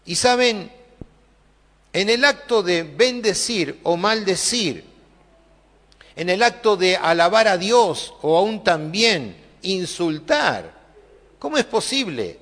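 Male preacher, high voice, chatty sermon style, halting restarts. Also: big pitch swings, fairly bright tone. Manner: conversational, many filler tags and restarts. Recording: long hall reverb.

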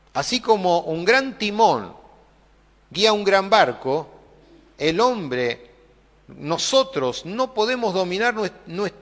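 A man's voice: high-pitched, fairly bright tone. A man preaching a sermon, talking conversationally with many tag questions and restarts. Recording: long hall reverb.

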